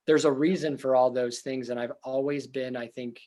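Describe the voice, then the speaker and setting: In a casual, reflective interview, a young therapist responds loudly and earnestly, his pitch sitting in the ordinary middle range. He keeps a steady tone at a normal speed, thinking aloud and looping back with fillers and restarts.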